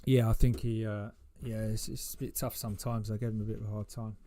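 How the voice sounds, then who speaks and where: A man's voice: lowish voice, flat delivery, fast, mellow, slight background noise. A man hosting a trading live stream, chatting casually, laughing often and restarting his sentences. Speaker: trading livestream host.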